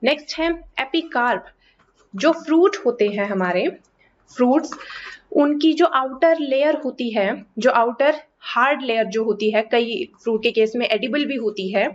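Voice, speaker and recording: Woman teacher, high voice, patient stepwise explanations, dull lo-fi recording with a faint hiss. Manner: explains step by step, stretches out example words slowly. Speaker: English teacher. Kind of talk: classroom lesson explaining English prefixes and hyphens. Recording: slightly dull lo-fi recording with faint background noise.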